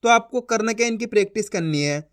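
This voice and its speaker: A man's voice: high-pitched, expressive, quick pace, fairly bright tone. A man teaching children to read words, sounding each syllable out and repeating every word with patient coaching. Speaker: Hindi reading teacher. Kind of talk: slow, syllable-by-syllable reading lesson.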